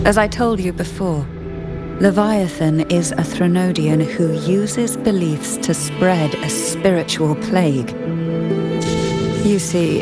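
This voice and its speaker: A woman with a lowish voice performs a poised, secretive noblewoman from an old disgraced family in a video game story. Her measured exposition is composed, refined and deliberate, with game music playing behind her.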